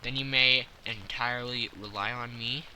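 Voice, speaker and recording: A man voicing an obliging, loyal gentleman doctor in an audiobook, answering in an agreeable and dutiful manner. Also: mid-range voice, steady tone, normal speed, a little hiss or hum, poor audio. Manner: agreeable, dutiful, brief replies. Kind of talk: audiobook character dialogue.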